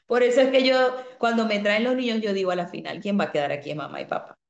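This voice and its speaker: A woman teaching an online parenting class, explaining calmly, reading out comments from students and asking the class questions. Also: medium pitch, quick pace, echoey room, dull audio. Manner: asks the class rhetorical questions.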